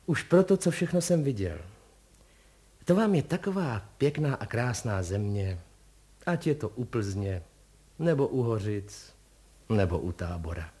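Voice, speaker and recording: A man's voice: mid-range voice, very animated, pauses often, natural voice. Brief: folksy kindly postman, voiced by a male narrator, chatty, full of exclamations. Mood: cheerful. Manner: fussy folksy exclamations, warm-hearted.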